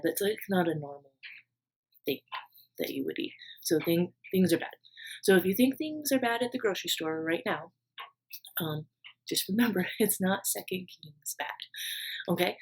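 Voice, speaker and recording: Husky low-voiced woman telling a Bible story. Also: darkish tone, poor audio. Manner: chatty, many fillers, asides to viewer. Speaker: archaeology vlogger retelling a Bible story. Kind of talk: casual storytelling lesson.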